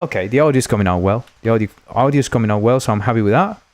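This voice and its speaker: This man talks rapid-fire in a fairly low, darkish voice, captured in a dry recording. A native Spanish speaker, he runs a casual game dev livestream full of jokey tangents and frequent thanks to his viewers.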